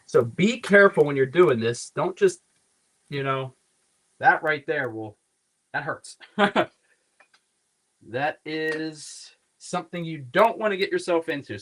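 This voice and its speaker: With a slightly high, somewhat bright voice, a Pittsburgh-accented man hosts a casual cooking livestream from his own kitchen. He rambles loosely and swears without much thought.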